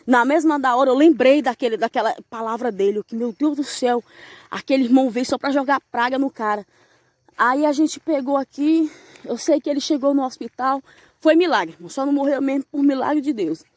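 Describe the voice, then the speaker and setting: A woman's voice: high-pitched, a little fast, a little mellow, no echo. A young woman giving a fervent evangelical testimony, telling her story and calling the listener "brother". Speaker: church member giving a testimony.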